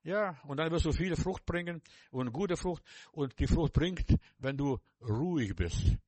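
Fervent older German-speaking preacher, dry sound. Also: male voice, on the high side, animated, unhurried, a little mellow, no echo. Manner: fervent, repetitive, addresses listener directly. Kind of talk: sermon.

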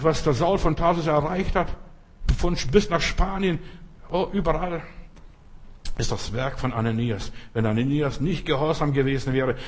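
A man's voice: medium pitch, darkish tone, husky. A man preaching a sermon in German and praying aloud for his listeners, exhorting and rising into emphatic prayer.

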